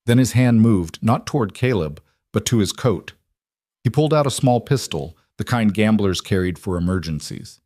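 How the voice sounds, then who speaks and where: A man reading a scripted frontier story in a steady, measured way. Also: on the low side, dry recording, clean studio sound. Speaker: narrator.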